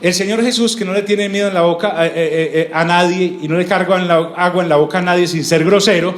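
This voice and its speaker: A male pastor preaches a sermon in a high, fairly evenly intoned voice, moving briskly. He teaches with call-and-response questions that he answers himself. The room is echoey, with faint ambience.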